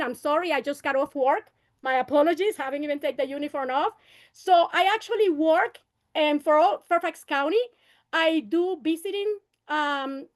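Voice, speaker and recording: A woman in her fifties who is running for city council gives an impassioned campaign speech at a meeting, her voice sitting high. Switching between Spanish and English, she rallies the crowd and keeps repeating her calls for unity.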